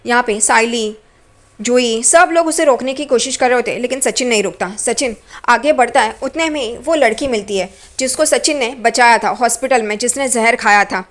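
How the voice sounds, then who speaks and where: A woman's voice: a little high, moderate pace, fairly bright tone. A woman narrating an episode recap of a TV serial in a plain, running retelling.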